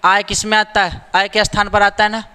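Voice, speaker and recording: A man's voice: sits high, level tone, brisk, sharp tone, clean tone, big-room sound. A man teaching a grammar lesson, repeating the rules and asking rhetorical questions to check that students follow. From India.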